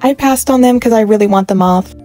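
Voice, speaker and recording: A young woman in her twenties chats excitedly into her phone camera as she browses store shelves. Her voice sits a little high and she gushes freely. Faint store music plays in the background. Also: brisk. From California. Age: 20s. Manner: gushing, excitable, chatty. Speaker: vlogger. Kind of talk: casual shopping vlog narration.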